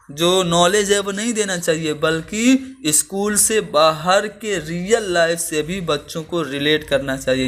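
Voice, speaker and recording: Man, teacher, slightly high voice, patient step-by-step explaining. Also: fairly bright tone. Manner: explains each term again in simple words, slows down for example sentences. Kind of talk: exam-prep lesson.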